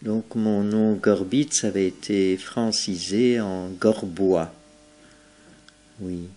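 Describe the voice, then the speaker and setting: Very slow low older man. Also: steady tone, mellow. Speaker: interviewee, former hidden child. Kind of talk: recalled testimony.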